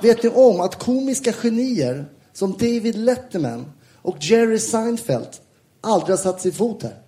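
High-voiced Swedish man doing stand-up. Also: big pitch swings. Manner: loud, laughing, swearing storyteller who acts out both sides of an exchange. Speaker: stand-up comedian. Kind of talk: stand-up comedy set. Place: large theatre with a live audience.

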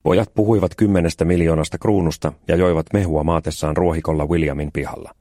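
Deep-voiced man narrating a storybook. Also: no room sound, clean studio sound. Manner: calm, even storytelling with deadpan timing. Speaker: audiobook narrator. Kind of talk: scripted narration.

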